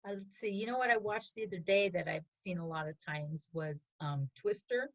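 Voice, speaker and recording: A middle-aged woman co-hosts a relaxed podcast. She talks in a lively way and laughs easily as she shares stories. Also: fairly low pitch, moderate pace, rough recording. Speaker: podcast co-host. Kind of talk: casual chat.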